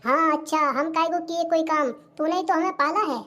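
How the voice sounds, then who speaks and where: High thin voice, fussy old village amma, dramatic and scared, a voice actor puts her on, cartoon. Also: a little fast, bright, forceful tone. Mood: fretful. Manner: fussy and dramatic, mutters asides to herself. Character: fretful old village mother-in-law, suspicious and scared. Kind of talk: cartoon comedy voice acting.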